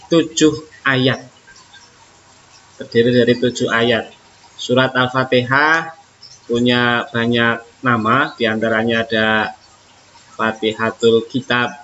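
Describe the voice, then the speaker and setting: A man teaching an online religious lesson, explaining slowly with an Indonesian accent and reciting verses in a drawn-out way. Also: medium pitch, bright, forceful tone. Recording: dull lo-fi audio, faint noise.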